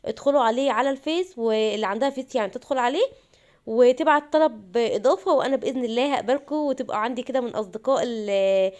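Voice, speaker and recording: A woman's voice: on the high side, racing, darkish tone. A young woman with an Egyptian accent, chatting to viewers while narrating a home cleaning vlog. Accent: Egyptian Arabic. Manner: chatty, addresses viewers directly. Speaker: vlogger.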